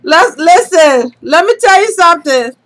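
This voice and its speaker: A high, bright-voiced woman co-hosting a late-night podcast, a little drunk and loud. She talks brash and unfiltered, with a sharp edge on her voice. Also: lively intonation, normal speed, low-quality recording. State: tipsy. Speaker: podcast co-host. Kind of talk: raunchy casual chat.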